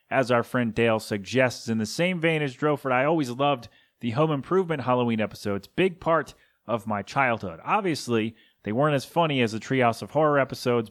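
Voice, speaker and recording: A man hosting a casual solo podcast, rambling through listener suggestions with chuckling asides and lots of ums and uhs. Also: mid-range voice. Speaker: podcast host.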